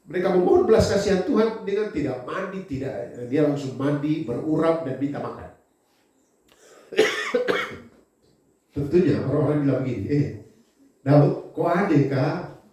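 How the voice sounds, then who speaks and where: A man preaching a sermon in an animated way, swinging between loud emphasis and quiet asides. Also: on the high side. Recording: very echoey hall, voice from far off.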